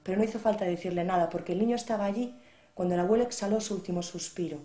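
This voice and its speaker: A woman storyteller Galicia, telling a folk tale in a lively, expressive way. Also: medium pitch, racing. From Galicia, Spain. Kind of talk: oral storytelling. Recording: echoey room.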